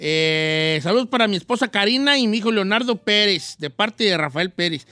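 A man puts on a teasing old Mexican rancher who grumbles and jokes through listener shout-outs on the radio. The voice sits very high and bright for a man. It is recorded dry and close, with no room sound. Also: lively intonation, moderate pace, no echo. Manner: teasing, scolding, playful. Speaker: radio host reading listener greetings. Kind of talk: comic radio banter.

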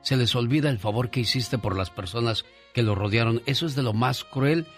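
A man's voice: mid-range voice, a little fast, fairly bright tone. A man with a Mexican accent hosting casual radio chat, colloquial and often addressing his co-host and listeners directly. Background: faint music.

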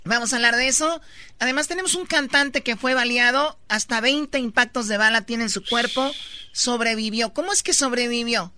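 A woman's voice: a little high, normal speed, pushed and bright. A woman co-hosting a radio show, chatting through the coming segments. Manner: chatty, previews the show's segments. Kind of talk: radio show host chat.

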